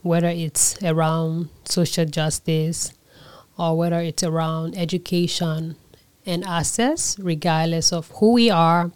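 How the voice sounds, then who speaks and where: A young woman from Liberia speaks as an interview guest, with a fairly low voice for a woman. She answers thoughtfully, pausing often, using fillers and correcting herself mid-sentence. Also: fairly even intonation, a little mellow, clear, resonant tone. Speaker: interview guest, conference organizer.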